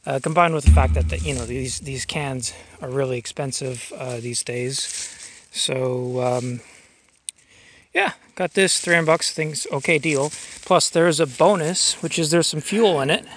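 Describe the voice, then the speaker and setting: A young man thinks aloud outdoors in a grassy yard, filling his sentences with ums and uhs. His voice sits at an ordinary middle pitch, picked up by a handheld camera mic with faint background noise. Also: a little slow, a bit bright. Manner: rambling, filler-heavy, thinking aloud. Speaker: vlogger showing a fuel tank. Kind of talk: casual outdoor vlog narration.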